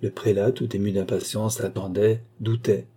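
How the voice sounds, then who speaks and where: Male narrator for a classic novel: measured, even, low and husky. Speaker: audiobook narrator. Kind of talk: scripted narration.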